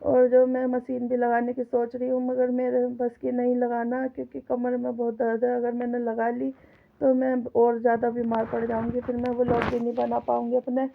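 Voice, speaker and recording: A middle-aged vlogger cooks at home and chats, complaining, straight at the camera, dealing with a cough and sore throat. Her voice is on the high side with vocal fry, completely flat in delivery, at a normal speed. Tinny phone audio captures the kitchen scene.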